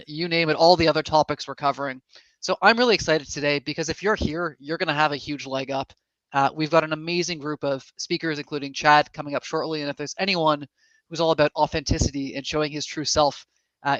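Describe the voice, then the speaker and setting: A man's voice: on the high side, fairly bright tone, dry recording. A man co-hosting a live online event over a video call, chatty and upbeat, with frequent fillers and restarts. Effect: heard over a video call. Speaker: co-host of an online summit. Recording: dull lo-fi video call audio.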